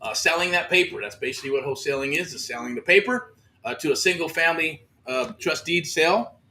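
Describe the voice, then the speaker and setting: A man's voice: on the high side, lively intonation, fast, sharp tone. A man hosting a motivational livestream about real estate, upbeat and repetitive, full of pep-talk slang, talking outdoors. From Southern California. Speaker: real estate mentor host. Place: outdoors in the heat.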